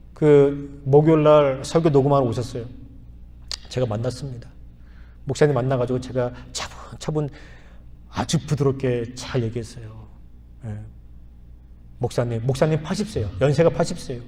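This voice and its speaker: A man in his fifties, a pastor, preaching a sermon, telling a story with soft asides and then earnest appeals. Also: mid-range voice, normal speed, pauses often. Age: 50s. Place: church sanctuary. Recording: long church reverb.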